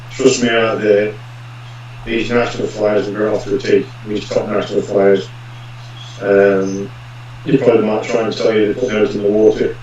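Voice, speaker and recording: A man's voice: on the low side, darkish tone, slight background noise. A man, a pigeon racing expert, explaining earnestly on a live stream, his voice ringing with heavy hall-like echo. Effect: heavy echo, like talking in a big hall. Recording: very echoey, distant, dull lo-fi audio with faint ambience.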